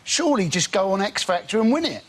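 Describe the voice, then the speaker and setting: A male comedian on a panel delivers dry, deadpan quips. His voice is high and animated. Loud noise sits behind him. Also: quick pace. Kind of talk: stand-up banter.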